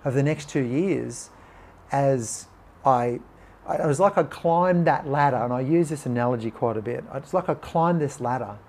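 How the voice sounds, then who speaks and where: A man talks as a podcast guest. His voice sits at a middle pitch with a gravelly rasp. He tells his story in an animated way and acts out the other people in it. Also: moderate pace. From Australia. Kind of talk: personal storytelling in conversation.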